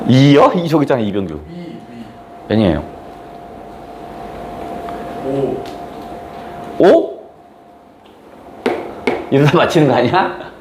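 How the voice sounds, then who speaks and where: A man's voice: medium pitch, sing-song, takes it slowly, pauses often, darkish tone, slight background noise. A man teaching a classroom lesson, retelling a story in a playful, casual way, acting out the quotes and teasing his students. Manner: playful, acts out quotes, teases students with mild swearing.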